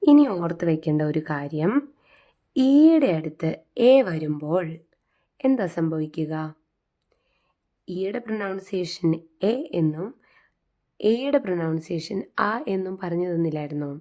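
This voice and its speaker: Patient woman teacher, slow and low-pitched, spells and repeats words for learners. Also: expressive, dark tone. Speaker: English phonics teacher. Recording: faint music behind.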